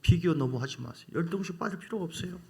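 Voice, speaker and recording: Gravelly, animated male preacher. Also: on the high side, quick pace. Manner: animated preaching, swinging from quiet to loud exclamations. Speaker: pastor. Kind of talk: sermon.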